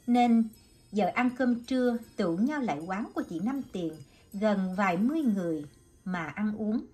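A woman reading a story aloud as an audiobook narrator with an expressive delivery. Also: on the high side. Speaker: audiobook reader.

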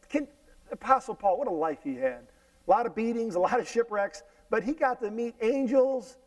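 A middle-aged man preaching a sermon in a church, reading scripture aloud and explaining it with lively restarts and repeated words. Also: very high-pitched, distant mic, rough recording. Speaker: pastor. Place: church sanctuary stage, indoors. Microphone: headset mic.

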